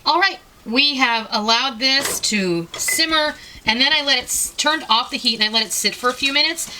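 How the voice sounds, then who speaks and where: A woman's voice: high-pitched, moderate pace, noisy background. A middle-aged woman hosting a home cooking tutorial, chatting casually and folksily straight to her viewers from her kitchen. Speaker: cooking channel host.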